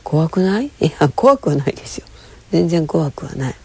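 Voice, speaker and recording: A woman chatting casually to camera, rambling and telling a story with lively, acted-out quoted voices. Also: deep voice, normal speed, breathy edge. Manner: lively, rambling, with frequent fillers.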